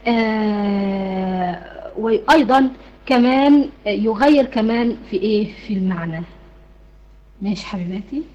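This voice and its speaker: A woman's voice: medium pitch, measured pace, pauses often, darkish tone, highs cut off. A woman with an Egyptian Arabic accent teaching an online Quran recitation class, asking her students questions and then answering them herself.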